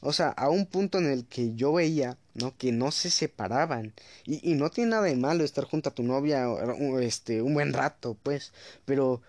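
A man's voice: medium pitch, normal speed, darkish tone, no echo. A man telling a storytime vlog, indignant, tossing in "este" and checking in with "¿ok?". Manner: frequent "este" fillers and restarts.

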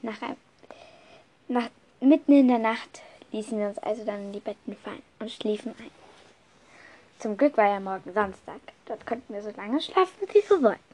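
A woman with a slightly high voice tells a first-person story off the cuff. She speaks in a lively way, often restarting and correcting herself mid-sentence. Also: moderate pace.

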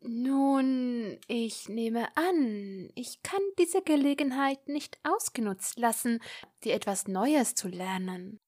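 A woman voicing a bookish, bossy young woman in an audio drama reading, breathy and exclaiming. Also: on the high side, expressive, takes it slowly, a little mellow. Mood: hesitant.

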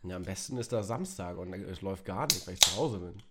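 A young man co-hosting a podcast in casual chat, talking in a dry, grumbling deadpan. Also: low-pitched, a little fast, heavy background noise. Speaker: podcast co-host.

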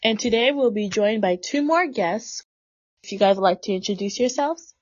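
A woman in her twenties hosts a casual podcast at normal speed, her medium-pitched voice captured in a dry, dull lo-fi recording. She's chatty and opinionated and uses a lot of filler words.

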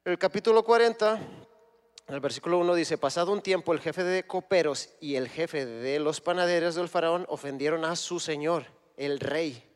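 A man's voice: on the high side, moderate pace, clear, resonant tone. Man preaching in a reverberant hall. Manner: conversational, retells scripture with imagined dialogue. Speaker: guest preacher. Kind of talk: sermon.

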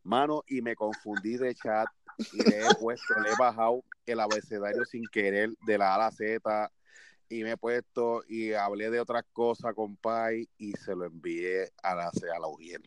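A man's voice: on the low side, moderate pace, clear, resonant tone, no echo. A man, co-hosting a casual chat and telling embarrassing stories with a laugh. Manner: animated storyteller, laughing through his stories.

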